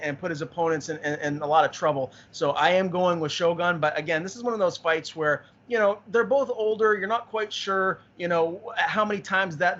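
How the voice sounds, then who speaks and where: A man co-hosts a casual sports show, eager and talkative, stumbling over repeated words as he works out his thoughts. His voice sits a little high. The audio is muffled and lo-fi. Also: fairly bright tone. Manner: enthusiastic, repeats words while thinking. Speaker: podcast co-host.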